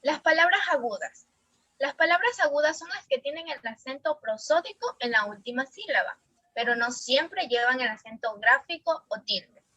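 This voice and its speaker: A woman with a high, bright voice reads her part of a class presentation clearly and steadily, listing example after example. The sound is dry and close to the mic. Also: animated, moderate pace, no room sound, highs cut off. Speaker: student presenter.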